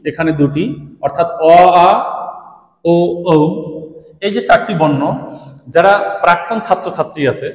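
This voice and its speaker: A man teaching students, explaining patiently and repeating sounds slowly. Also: sits high. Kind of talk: classroom lesson to students. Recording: echoey room with long reverb.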